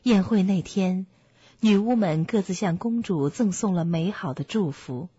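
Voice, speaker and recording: Slow, breathy woman reading a fairy tale. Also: mid-range voice, no room sound. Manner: gentle storybook reading. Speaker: storyteller. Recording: muffled, dry, soft music behind.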